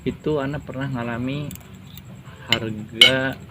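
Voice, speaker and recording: A man's voice: mid-range voice, steady tone, slow pace. A young man chatting casually as a guest, telling anecdotes with laughs and Islamic expressions. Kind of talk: casual interview. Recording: noisy background.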